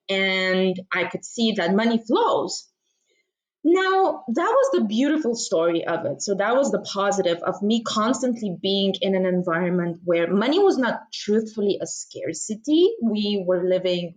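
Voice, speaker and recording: Energetic woman from Bulgaria, podcast guest. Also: mid-range voice, poor audio. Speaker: podcast guest, business mentor. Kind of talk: podcast interview.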